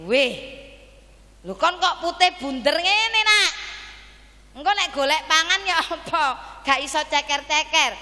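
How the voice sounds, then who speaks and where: Woman putting on a shrill, fussy mother hen. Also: lively intonation, unhurried, pushed and bright, in a large hall, full character voice. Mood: indignant. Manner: shrill, indignant clucking complaints. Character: fussy mother hen scolding her odd egg.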